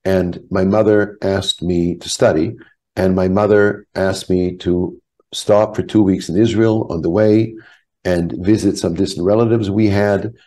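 An older man from Canada recounts his past in a calm, measured way. His voice sits fairly low with a dark, mellow tone, heard through a webcam on a video call from a home office. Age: 70s. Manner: measured, reflective storytelling. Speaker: guest, rabbi. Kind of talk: storytelling in a video-call interview.

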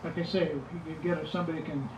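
A man's voice: a little high, level tone, fast, background noise. An older man giving casual remarks to an audience, rambling a little with fillers and restarts. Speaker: musician speaking at an event. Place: music shop, indoors. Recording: echoey room from far off, dull lo-fi.

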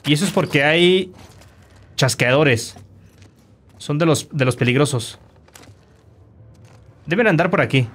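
A man commentating his own gameplay, animated and quick to shout insults at enemies. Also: on the high side. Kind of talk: let's play commentary.

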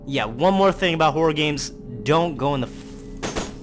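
A young man playing a horror game, swearing, yelling and pleading at jump scares. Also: a little high, lively intonation, measured pace, music in the background. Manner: jumpy, profane, yells and pleads at the game. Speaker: gaming YouTuber. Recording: noisy background.

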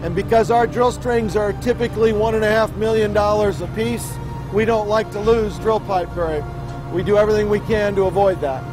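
A middle-aged man explains drilling equipment in a technical, informative way. His voice sits on the high side, with music clearly playing behind it. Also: steady tone, a little fast, poor audio. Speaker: drilling operations expert giving a tour.

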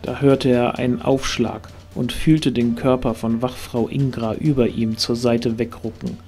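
A man narrates a scripted fantasy adventure audio drama at an average pitch, unhurried and with little pitch movement. Soft music plays behind him.

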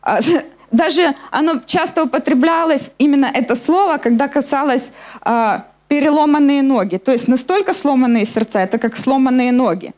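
A middle-aged woman preacher explains scripture step by step from a lectern on an indoor church hall stage, using a handheld microphone and posing questions directly to her listeners. Her voice is high-pitched, expressive and darkish in tone, at normal speed.

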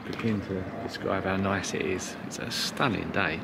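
Speaking outdoors beside a river and a boat, a male vlog host chats playfully at a moderate pace in a low, creaky voice. It's filmed on a handheld camera with an operator behind it, and the recording is very noisy.

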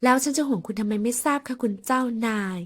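A woman voicing a stubborn young woman secretary in an audio novel, with sharp, snappy retorts. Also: high voice, fast, slightly rough. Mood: indignant.

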